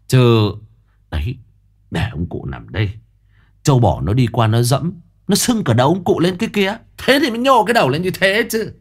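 A man voicing a greedy old male fortune-teller, smug and gruff. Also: medium pitch, big pitch swings, moderate pace, voice pushed up. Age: older. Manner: smug, gruff, clicking his tongue.

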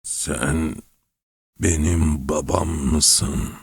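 A man voicing an old man who was just born, speaking in a cracked, worn, whining voice, slow and quiet. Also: very deep voice, steady tone, vocal fry, husky, dry recording, heavily acted. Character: frail old man newborn, querulous and whining.

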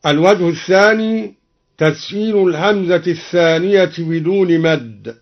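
A man from Egypt explaining variant Quranic readings in a measured way, intoning each verse as an example. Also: high-pitched. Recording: dull old radio recording.

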